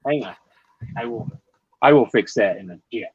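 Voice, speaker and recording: A man hosting a casual online chat, animated and quick to laugh. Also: medium pitch, breathy edge, no room sound. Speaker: host. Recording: dull lo-fi call audio.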